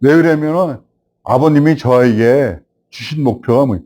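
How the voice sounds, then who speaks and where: Old guy in his 70s, film director telling stories from way back, middle pitch, gets lively. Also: moderate pace. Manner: animated storyteller, rising when recalling the past. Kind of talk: reminiscing storytelling.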